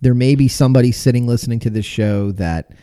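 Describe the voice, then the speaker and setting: American guy hosting a podcast, mellow voice, long winding questions. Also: mid-range voice, fast talker, smooth. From United States. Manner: long rambling questions with restarts. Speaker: podcast host. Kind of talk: interview hosting.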